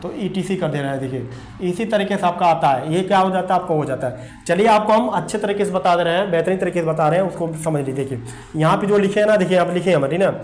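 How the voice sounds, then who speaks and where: High-voiced teacher spelling words aloud. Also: male voice. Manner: spells words letter by letter, repeats "देखिए" and "ठीक ना". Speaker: English grammar teacher. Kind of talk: whiteboard grammar lesson. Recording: echoey room with faint background noise.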